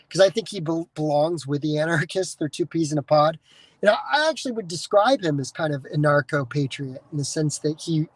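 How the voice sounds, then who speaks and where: A man's voice: fairly high pitch, dry recording, rough recording. A man from the United States hosting a podcast, talking in a casual, rambling monologue full of restarts and swearing. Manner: digressive, swears freely, many restarts. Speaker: podcast host.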